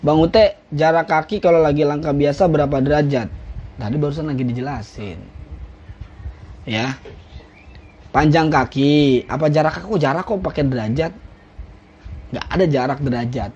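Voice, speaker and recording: A man's voice: on the high side, moderate pace, long pauses, a little mellow, slight background noise. A young man, casually teaching drill commands on a live stream, blunt and joking as he reads from a rulebook. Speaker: drill instructor. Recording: dull lo-fi live stream audio.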